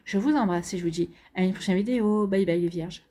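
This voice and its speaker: A woman's voice: mid-range voice, fast talker, dark tone. A woman giving a casual tarot reading to her viewers, chatty and full of fillers and repeats. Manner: chatty, many fillers and repeated "donc ici". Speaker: tarot card reader.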